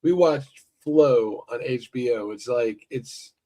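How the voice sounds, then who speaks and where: A man on a casual panel chat, animated and swearing as he argues his point. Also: medium pitch, slow pace. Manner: animated, profane, argumentative. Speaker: panel guest.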